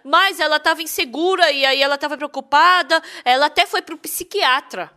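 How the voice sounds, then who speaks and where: A woman interpreting a sermon in a lively way, full of rhetorical questions. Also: high-pitched, normal speed.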